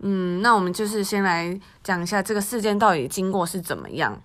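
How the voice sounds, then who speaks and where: A woman's voice: mid-range voice, lively intonation, a little fast, fairly bright tone. A woman podcast co-host with a Taiwanese Mandarin accent, discussing news casually and conversationally.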